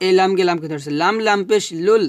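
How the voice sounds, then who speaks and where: High, clear-voiced male Quran teacher. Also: dry recording. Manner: spells syllables slowly, then recites drawn-out Arabic. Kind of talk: spelling out Arabic recitation lesson.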